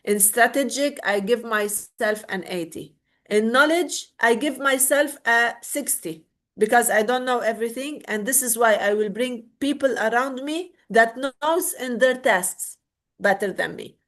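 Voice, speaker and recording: Running an interactive online workshop, this woman from Lebanon speaks in a slightly high, unhurried, fairly bright voice with a Lebanese Arabic accent. As a webinar trainer she repeats words and keeps asking "okay?" to check in.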